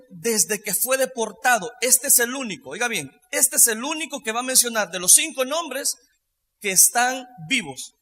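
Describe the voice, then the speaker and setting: High-voiced preacher in an echoing hall. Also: male voice. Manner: emphatic, swings from quiet to loud, stretches some phrases in a sung tone. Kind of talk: sermon. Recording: long reverb of a large hall.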